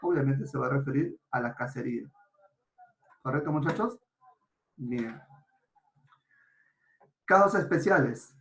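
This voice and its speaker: A man teaching a grammar lesson in a clear, explanatory way, often checking in with his students. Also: fairly high pitch. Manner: explanatory, checks in with frequent rhetorical questions. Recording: roomy echo.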